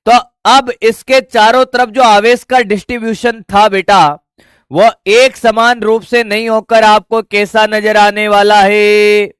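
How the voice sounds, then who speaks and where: In an unhurried physics lesson, a man with a high, smooth, slightly bright voice keeps posing questions to the class and answering them himself, addressing students casually and familiarly. The audio is dry and close, with no echo.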